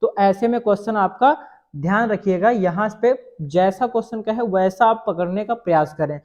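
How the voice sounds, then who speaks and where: A man's voice: sits high, moderate pace, darkish tone. Man teaching, answering his own questions. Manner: asks questions and answers them himself; demonstrates vowel sounds aloud. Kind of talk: classroom-style Hindi grammar lesson. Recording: slightly dull lo-fi sound.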